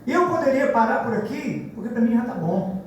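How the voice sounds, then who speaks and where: A pastor preaching a sermon in a church, telling stories and acting out the people in them. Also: male voice, very high-pitched, a little fast, slight background noise. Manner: lively storytelling preacher, acts out dialogue. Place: large church hall. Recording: very echoey church from far off.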